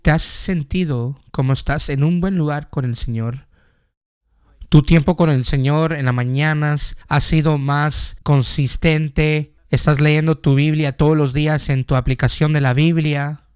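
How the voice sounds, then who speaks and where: A man's voice: fairly high pitch, steady tone, a little slow, a little mellow, clean tone, no echo, clean studio sound. A male pastor giving a conversational sermon, asking the listeners questions and telling personal stories.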